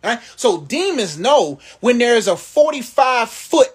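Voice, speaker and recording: A man's voice: very high voice, sing-song, unhurried, slightly rough. A man preaching and motivating viewers in a live social media Q&A, talking to them like family in a rhythmic, sermon-like way.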